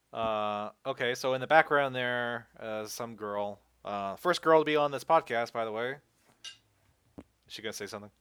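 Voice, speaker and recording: A man's voice: mid-range voice, a little slow, pauses often, a bit bright, clean tone, dry recording. A man hosting a casual podcast chat, laughing often and swearing casually. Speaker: podcast host.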